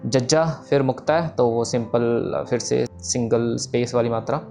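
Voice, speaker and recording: A man explains verse structure like a relaxed teacher, stopping for little fillers as he thinks aloud. His voice sits at an ordinary middle pitch. Faint music plays quietly under him. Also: moderate pace, vocal fry. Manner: casual, thinks aloud with fillers, mixes English terms. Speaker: Sikh scripture teacher.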